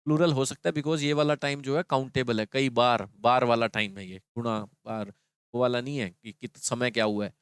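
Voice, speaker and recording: A man's voice: medium pitch, steady tone, moderate pace, clean tone, no room sound, clean studio sound. A man teaching an English grammar lesson, explaining patiently and quizzing his students.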